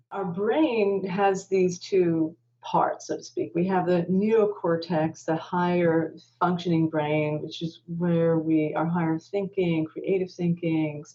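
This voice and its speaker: A woman marriage therapist talks through ideas in a relaxed interview. Her voice sits low and mellow, and she tells stories in an animated way, playing every person in them. The recording sounds dull and muffled. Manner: animated storyteller, acts out quoted speech. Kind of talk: conversational interview.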